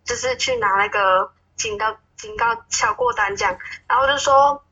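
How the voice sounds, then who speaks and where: A young woman chats as a guest, acting out an old quarrel in quoted voices. Her voice is bright and a little husky, set fairly high. The sound is dull and phone-like. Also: moderate pace. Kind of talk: casual chat storytelling.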